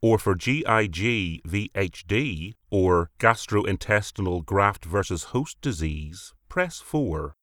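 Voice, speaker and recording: Male phone menu voice: formal, courteous announcer, animated intonation, very dry close recording. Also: low-pitched, slow pace, hardly any pauses, no room sound. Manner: formal, polite customer-service delivery.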